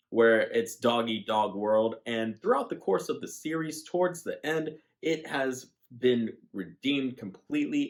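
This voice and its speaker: A man talking casually and enthusiastically in a comic book review vlog, often saying "like". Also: medium pitch. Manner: enthusiastic, gushing, says "like" often.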